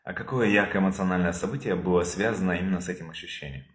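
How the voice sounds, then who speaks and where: A man leading a calm therapy session over a video call, probing with repeated questions. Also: sits low, rapid-fire, reverberant.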